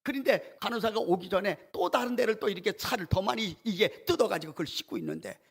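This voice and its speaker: A man's voice: sits high, big pitch swings, quick pace, creaky, breathy edge. A male pastor preaching a Sunday sermon in a church, telling a story and acting out the prayers in it. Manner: storytelling, acts out quoted prayers with rising intensity. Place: church sanctuary.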